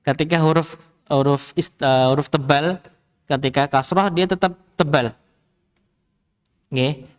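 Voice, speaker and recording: A young man teaching Quran recitation in a mosque, slowly demonstrating sounds again and again. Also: fairly high pitch, fairly even intonation. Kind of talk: mosque study lesson.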